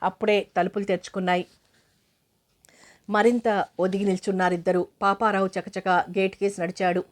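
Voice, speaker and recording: Woman, audiobook narrator, scripted novel narration, steady, flat intonation, mid pitch. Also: normal speed.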